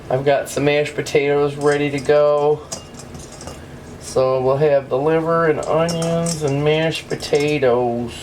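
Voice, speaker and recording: Woman host, home cooking demo, losing her voice, slow homey chatter, faint kitchen sizzle behind. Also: low voice, a little mellow, a little hiss or hum, low-quality recording. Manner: chatty, homey, addresses viewers directly. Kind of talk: casual cooking demonstration. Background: sizzling pan and kitchen sounds.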